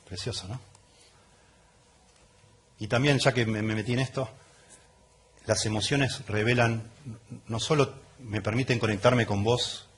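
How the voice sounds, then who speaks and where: A man's voice: lowish voice, slight background noise. A middle-aged man with an Argentine Rioplatense accent, a pastor giving an expository sermon in a conversational way to a congregation in church, often checking in with the listeners. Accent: Argentine Rioplatense Spanish.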